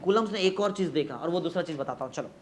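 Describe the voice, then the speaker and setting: A man's voice: fairly high pitch, expressive. Male teacher, Marathi-region Indian accent, physics class lecture, coaxes repetition, stretches key phrases. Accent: Indian, Marathi-region Hindi. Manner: coaxing students to repeat definitions aloud, drawn-out chanting.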